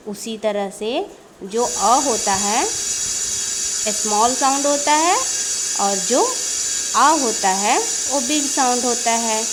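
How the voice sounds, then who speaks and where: Woman, children's teacher, slow and repetitive, slightly high-pitched. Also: background noise. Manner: slow, repeats words and mixes in English. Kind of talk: children's lesson.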